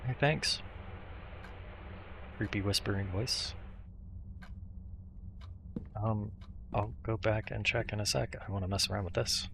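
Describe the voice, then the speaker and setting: A man's voice: fairly low pitch, fairly even intonation, a little slow, vocal fry, pauses often, noisy background. A man giving casual horror game commentary, muttering asides to himself as he plays. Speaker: video game streamer.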